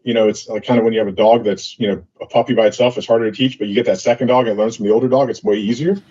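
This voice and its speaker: A man's voice: on the low side, fairly even intonation, racing, dark tone, slightly rough. A man talking as an interview guest, telling business anecdotes in a loose, filler-heavy way. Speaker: entrepreneur guest. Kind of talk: casual interview storytelling. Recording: dull lo-fi audio.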